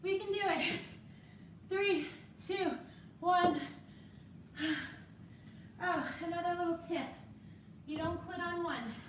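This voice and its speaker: A woman's voice: very high-pitched, a little slow, echoey room, distant mic, a little hiss or hum. A woman fitness instructor coaching a workout while exercising alongside, encouraging and a little winded.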